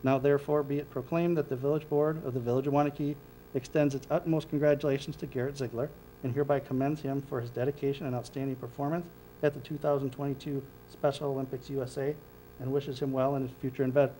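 A man's voice: medium pitch, little pitch movement, quick pace, mellow, a little hiss or hum, poor audio. Man reading a formal proclamation. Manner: formal reading with small slips and self-corrections. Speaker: village board president. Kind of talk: reading proclamations at a council meeting. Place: village board meeting room. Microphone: podium microphone.

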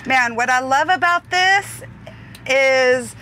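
A woman's voice: high-pitched, slow, sharp tone, a little hiss or hum. A woman co-hosting a trucking vlog, chatting casually and gushing over food as she tries it inside a truck cab. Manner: gushing, exclamatory. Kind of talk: casual cooking chat.

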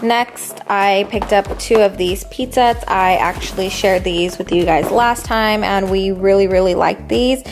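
Showing off her grocery haul, a young woman narrates in a casual, slangy vlog voice-over. She speaks at medium pitch, unhurried with few pauses, against some background noise.

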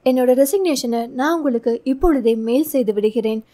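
A woman's voice: sits high, unhurried, warm tone. A woman reading the part of a hurt, lovesick young office worker who pleads and pours out her feelings. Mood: upset. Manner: pleading, emotional.

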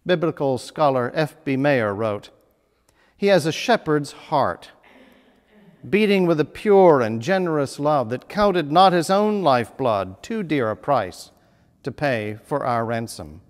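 A priest in his thirties with a slightly high voice preaches a lively, animated sermon in measured tones with emphatic phrasing. He's in a small stone-walled church chapel, and the sound carries the long reverb of a church hall.

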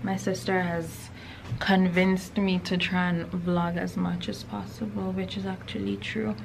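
Slow-talking young woman vlogging. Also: on the low side, little pitch movement, gravelly, a little hiss or hum. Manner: chatty, laughing, talking to her dogs. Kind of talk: casual vlog chat. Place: lakeside cottage, indoors and outdoors. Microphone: handheld camera at arm's length. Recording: music playing underneath.

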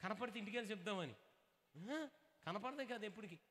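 Man, revival preacher, animated, calls for responses, high voice, long echo. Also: fast. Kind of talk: revival sermon with comic asides.

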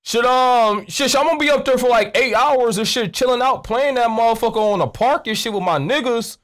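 Speaking briskly in a very high, slightly bright voice, a young adult American man pranks someone over the phone. He's a streamer at his indoor desk, nonchalant and cursing in rambling street slang, picked up close by a pop-filtered studio mic with his headset on.

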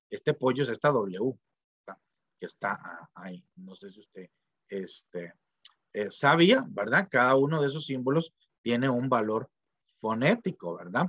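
A middle-aged professor gives an informal, digressive university lecture, peppered with tag questions and fillers. His medium-pitched voice is fairly bright with a breathy edge, captured in dull, dry lo-fi audio.

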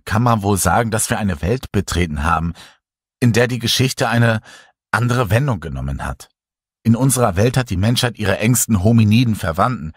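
A man's voice: fairly low pitch, husky, dry recording, studio quality. A man reading a thoughtful woman scientist. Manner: thoughtful, explaining calmly. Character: earnest, clever woman scientist.

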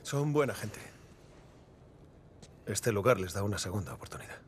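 A man's voice: fairly low pitch, animated, moderate pace, a little hiss or hum, close to an everyday voice. An actor playing a man who leads a settlement, speaking in a skeptical, questioning way in dubbed game dialogue. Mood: wary. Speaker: game character.

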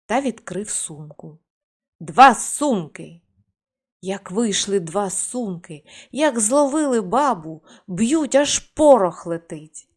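A woman's voice: mid-range voice, lively intonation, slow pace, a little mellow. Woman reading a fairy tale aloud. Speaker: storyteller reading fairy tales. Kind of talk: storybook reading.

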